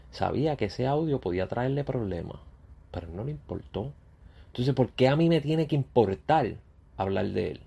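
Addressing his critics head-on, a YouTuber delivers a blunt, confrontational ranting monologue. He has a deep, mellow voice that is also gravelly and husky.

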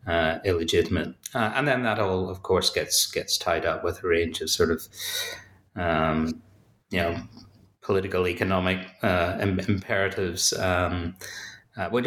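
An author and academic from Northern Ireland, speaking with a Belfast accent, gives thoughtful, hesitant interview answers filled with fillers and restarts. His voice sits low and is a bit bright, heard in an echoey room.

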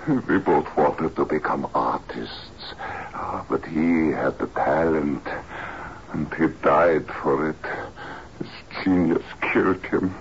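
A halting, very old man. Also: very deep voice, highs cut off, slight background noise, full character voice. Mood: wistful, grieving. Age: elderly. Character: frail, courtly, grieving old father, very old man. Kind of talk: screen drama acting.

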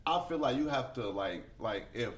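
A man's voice: medium pitch, expressive, moderate pace. Laid-back young rapper in his twenties. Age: 20s. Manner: slangy, repeats phrases, many fillers. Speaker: rapper guest. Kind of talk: casual interview chat.

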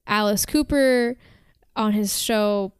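A woman co-hosting a music podcast in casual chat, chatty and enthusiastic, slightly hoarse from talking. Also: medium pitch, takes it slowly, dry recording. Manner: chatty, filler-heavy, enthusiastic about bands. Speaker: podcast co-host.

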